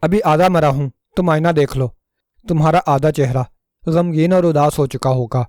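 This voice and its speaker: Man doing a sly storybook trickster, melodramatic and pleading; slightly high, mellow. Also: no room sound, studio quality, natural voice. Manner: pleading, theatrical self-pity. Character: cunning scheming male trickster, melodramatic.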